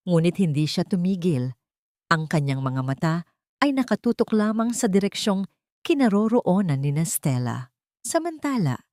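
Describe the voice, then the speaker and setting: A woman reading a scripted drama story in a measured, dramatic way. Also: low-pitched, a little mellow, no room sound, clean studio sound. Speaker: narrator.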